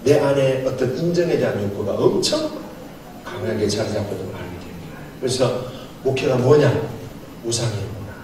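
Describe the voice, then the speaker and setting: This middle-aged pastor lectures at a seminar with a mid-range voice, lively intonation and a moderate pace. He spins his sermon as a story, performing the dialogue and chuckling frequently. The mic sits far off in a very echoey hall, with faint noise audible.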